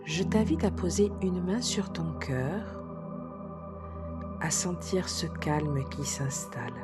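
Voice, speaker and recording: A woman sophrologist leading a guided relaxation session, speaking softly and soothingly, sometimes dropping to a whisper. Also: lowish voice, lively intonation. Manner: soft, slow, soothing guidance, drops to a whisper at times. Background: soft background music.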